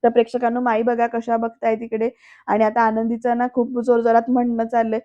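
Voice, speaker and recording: A woman's voice: fairly high pitch, monotone, a little fast. A woman narrating a voice-over recap of a TV serial, chatting directly to viewers. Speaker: serial episode reviewer. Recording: dull lo-fi voice-over.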